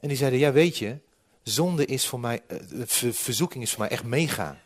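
A man preaching a sermon with slides, lively and humorous, often dropping from loud to quiet. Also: medium pitch, normal speed. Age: 40s.

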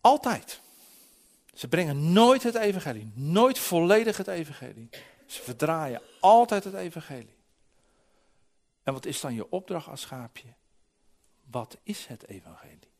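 A man in his forties preaching a sermon, telling stories lively and acting out voices, often restarting his words. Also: a little high, unhurried, pauses often. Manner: lively storytelling with acted-out voices; frequent restarts and repeated words.

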